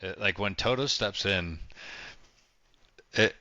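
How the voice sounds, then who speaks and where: A man's voice: on the low side, takes it slowly, pushed and bright, no room sound. A man co-hosting a casual sports podcast, giving blunt, emphatic opinions. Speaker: podcast co-host. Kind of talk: casual chat.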